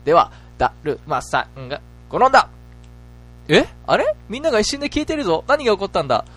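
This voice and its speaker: Brief: a bossy, easily baffled male teacher read by a man, fairly high, lively voice, faint music behind. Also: rapid-fire, exaggerated voice. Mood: teacherly. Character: flustered male schoolteacher leading a game.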